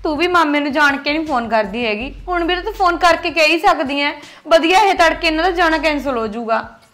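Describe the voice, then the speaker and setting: A woman's voice: sits high, animated, brisk, faint music behind. A young woman, playing a rebellious daughter who refuses a forced marriage in a family drama series. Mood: bitter. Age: young adult. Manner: rebellious, sharp-tongued. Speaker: daughter, college student.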